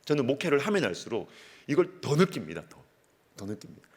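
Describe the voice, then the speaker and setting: Emphatic man preaching with sweeping pitch. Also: sing-song, a little fast, husky, in a large hall. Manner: emphatic, repeats words for stress, swings from loud to hushed. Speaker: pastor. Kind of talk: sermon.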